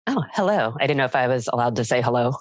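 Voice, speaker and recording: A woman's voice: extremely low pitch, expressive, fast talker, no room sound. Playful woman psychologist on a podcast. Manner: playful, dry teasing. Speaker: psychologist guest. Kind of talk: casual podcast chat.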